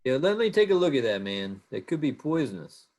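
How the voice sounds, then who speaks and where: A man's voice: medium pitch, big pitch swings, brisk, a little mellow. A man playing a tabletop game in casual chat, laid-back and calling everyone man. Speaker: player.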